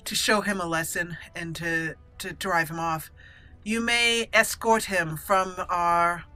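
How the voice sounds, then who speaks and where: This woman roleplays a character aloud during let's play commentary, reading the game's dialogue theatrically as video game music plays. Her voice sits on the low side and sounds pushed and bright.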